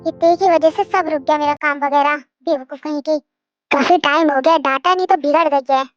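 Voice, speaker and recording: Performer pitching down for an angry strict dad, blustering, high voice with soft music under it. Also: steady tone, brisk, no room sound, dull audio. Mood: grumbling. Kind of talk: fan audio drama.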